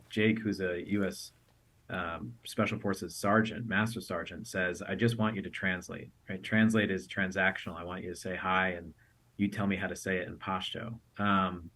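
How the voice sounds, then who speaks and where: A man with a very deep voice answers as an interview guest. He speaks earnestly, slowing down to reflect as he talks. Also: fairly bright tone. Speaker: guest, army veteran. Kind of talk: interview conversation.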